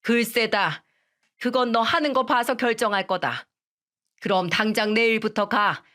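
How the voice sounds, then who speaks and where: A woman's voice: fairly high pitch, measured pace, a bit bright. Woman as a stern scolding mother-in-law. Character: stern middle-aged mother-in-law, severe and commanding.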